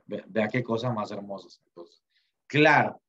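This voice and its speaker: A man's voice: lowish voice, measured pace, fairly bright tone, dull audio. A man teaching an online class in a chatty way, full of fillers and restarts, over a video call mic.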